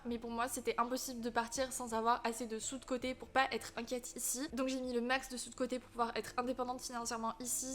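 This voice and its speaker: A woman's voice: a little high, a bit bright. A young woman in her twenties from France, chatting casually and enthusiastically to camera in her apartment. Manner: chatty, enthusiastic, quick asides. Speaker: vlogger. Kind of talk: casual vlog talk to camera. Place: apartment indoors. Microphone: camera mic.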